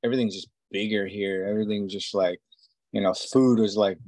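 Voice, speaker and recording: A man's voice: on the low side, fairly even intonation, brisk, a little mellow, dry recording. A man in his forties from Israel, a tattoo artist, talking casually in an interview and rambling with many fillers and restarts. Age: 40s.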